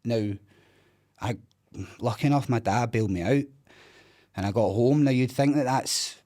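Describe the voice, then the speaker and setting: Swearing often and speaking without a filter, a self-proclaimed loudmouth from Scotland in his thirties shares his personal story in a casual interview. His voice is medium in pitch, at a moderate pace.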